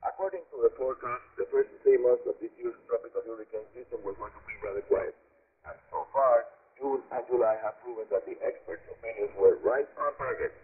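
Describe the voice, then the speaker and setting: This man hosts a scripted radio program in a formal, deliberate announcer manner, stressing his phrases emphatically. A native Spanish speaker from Cuba with a Cuban accent, he has a husky mid-range voice, received on a radio as muffled, narrow shortwave audio.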